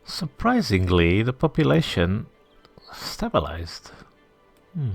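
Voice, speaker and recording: A man's voice: lowish voice, huge pitch swings, slow, vocal fry, soft background music. A man hosting a city-building game playthrough, thinking aloud, muttering asides to himself and now and then dropping to a whisper, chatty and self-deprecating toward his viewers. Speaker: gaming channel host. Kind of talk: let's-play commentary while building a city.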